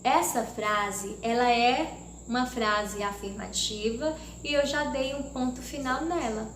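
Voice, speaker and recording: A woman from Brazil teaching a grammar lesson to young children, speaking slowly and deliberately and exaggerating her intonation when she reads example sentences. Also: a little high, fairly bright tone. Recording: echoey room with faint background noise.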